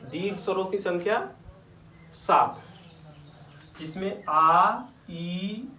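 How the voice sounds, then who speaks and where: A man teaching at a very slow, careful pace, stretching out sounds and repeating them for his students. His voice sits a little high. He is recorded from some distance in an echoey room. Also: sharp tone. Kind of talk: slow classroom-style grammar lesson. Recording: echoey room, distant mic, faint noise.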